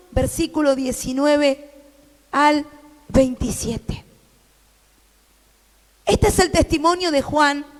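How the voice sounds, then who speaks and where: A woman pastor with an Argentine accent preaching a sermon, fervent and repetitive, building to shouted proclamations. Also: sits high, big-room sound. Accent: Argentine Spanish.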